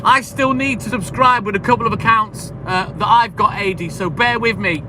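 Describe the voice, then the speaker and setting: A man's voice: high-pitched, normal speed, noisy background. A man chatting casually and upbeat on a live stream, slangy and laughing often.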